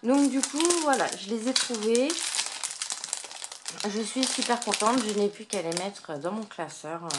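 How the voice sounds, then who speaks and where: A woman's voice: sits high, background noise. A woman vlogging casually about her craft purchases, chatty and hesitant, with frequent filler sounds. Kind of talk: casual haul chat to camera.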